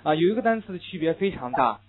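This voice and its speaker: A man's voice: on the high side, lively intonation, fast. A Chinese-speaking man teaching English pronunciation in a lecture, asking questions and answering them himself. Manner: drills pronunciation, asks and answers own questions. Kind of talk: classroom lecture. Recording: tinny phone-like lecture recording.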